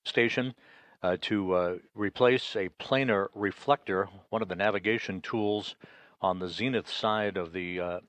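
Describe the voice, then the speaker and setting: A man giving live commentary from mission control in a measured, halting, explanatory way. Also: on the low side, fairly bright tone, dry recording.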